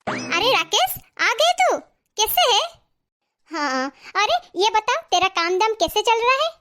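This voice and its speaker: A woman's voice: very high-pitched, sing-song, slow pace, pushed and bright, heavily acted. A woman playing a chatty married daughter who is visiting her family home, in a comedy skit. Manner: chatty, coaxing.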